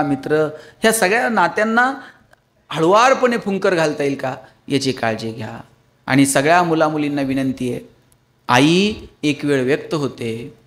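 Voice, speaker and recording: High-voiced man giving a storytelling lecture. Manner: storytelling with humor, pleading with the audience. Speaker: public speaker. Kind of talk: motivational lecture.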